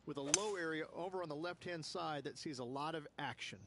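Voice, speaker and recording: A man's voice: on the high side, fairly quick. A man giving explanatory golf commentary as a course analyst in a video game broadcast. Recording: loud ambient noise behind.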